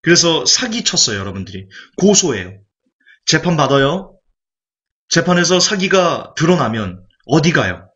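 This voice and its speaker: A male evangelist preaches with a fairly high voice that leaps up and down. He keeps throwing rhetorical questions at the congregation. The recording sounds muffled and lo-fi. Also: very animated, measured pace, fairly bright tone. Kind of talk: sermon. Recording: dull lo-fi recording.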